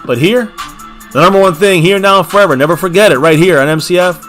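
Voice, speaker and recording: His voice sits high, with a quick pace and a fairly bright tone, and music plays faintly behind him. Hosting a casual fan livestream from a small home bar, he hypes his catchphrases again and again, thanks viewers by name, and calls them "baby."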